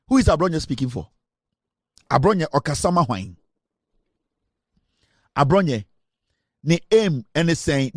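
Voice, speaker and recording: A man's voice: medium pitch, darkish tone, no room sound, clean studio sound. A man with a Ghanaian accent giving impassioned political commentary, switching between English and Twi and building to indignant rhetorical questions. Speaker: online news commentator.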